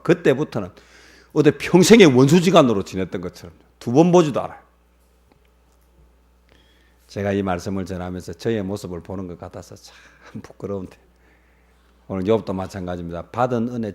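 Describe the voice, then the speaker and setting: A pastor with a mid-range voice preaches a sermon, hurling rhetorical questions at his congregation. His volume swings between loud and hushed.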